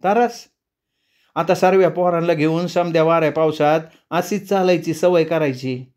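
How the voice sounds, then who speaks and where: A man's voice: on the high side, moderate pace, a little mellow, pitched above the performer's own voice, natural voice. A man voicing a strange, eerie young pregnant village mother who talks in a rustic village way. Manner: rustic village speech, odd mad laughter.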